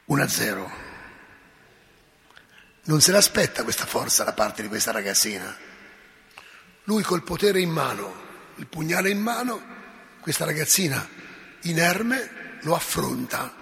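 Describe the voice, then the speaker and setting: Gravelly, high-voiced man preaching. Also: unhurried, pauses often. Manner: animated storytelling, asks listeners directly. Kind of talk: sermon. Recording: echoey hall.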